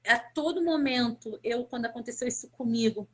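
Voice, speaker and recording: A woman from Brazil with a high, bright-sitting voice gives a personal faith testimony as a live-stream guest. She speaks fervently and repeats words to drive her points home. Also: a little fast.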